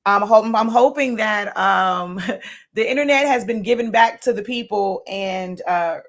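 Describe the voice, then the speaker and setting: A livestream host with a medium-pitched voice speaks at a measured pace, welcoming viewers warmly as they drop in. Her voice is raspy and worn, and her relaxed chatter is full of fillers and little laughs.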